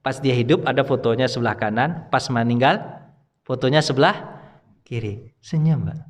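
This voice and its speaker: A man's voice: medium pitch, moderate pace. A male preacher giving a conversational sermon, often asking his listeners questions. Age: younger than his audience. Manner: conversational, asks the audience questions. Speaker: Islamic preacher. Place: hall with audience. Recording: long reverb of a hall.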